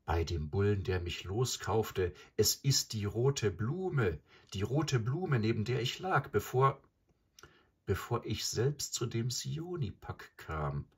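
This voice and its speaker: A man's voice: lowish voice, big pitch swings, takes it slowly, husky, voice pushed up, full character voice. A man voicing a proud young man raised in the jungle by wolves, speaking intensely in an audiobook. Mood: solemn. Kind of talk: audiobook character voice.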